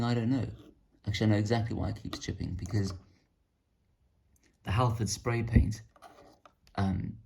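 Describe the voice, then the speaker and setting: A man with a low voice talks through his painted miniatures in a loose, digressive way, often poking fun at himself. His voice has a rough, gravelly edge. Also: a little mellow. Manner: rambling, digressive, self-deprecating. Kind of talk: casual hobby show-and-tell.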